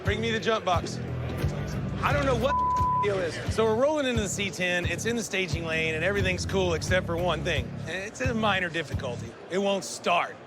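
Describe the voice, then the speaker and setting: A man's voice: sits high, huge pitch swings, a little fast, loud music behind the voice. A man hosting a reality show, narrating with brash, joking wryness.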